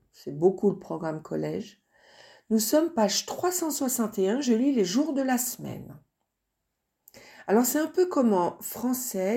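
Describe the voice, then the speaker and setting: A woman teacher recording a lesson from a textbook, slow and deliberate, spelling out each word with care. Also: mid-range voice, gravelly, dark tone.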